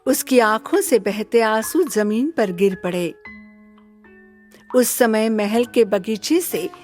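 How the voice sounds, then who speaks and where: A woman narrating a children's fairy tale in a gentle storybook manner. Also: fairly high pitch, takes it slowly. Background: soft music.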